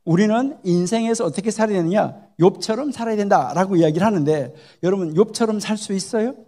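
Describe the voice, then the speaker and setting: Guy with a high voice teaching bible stuff at a church, keeps asking the crowd questions. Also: quick pace, warm tone. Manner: poses rhetorical questions to the audience; acts out short dialogues in the talk. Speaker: Bible lecturer. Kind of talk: church conference lecture. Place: church hall.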